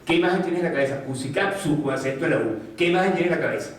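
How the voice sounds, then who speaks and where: A man giving a motivational talk to an audience in an animated way, putting questions to the listeners and acting out quotes. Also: on the high side, very fast. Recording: distant mic in an echoey room.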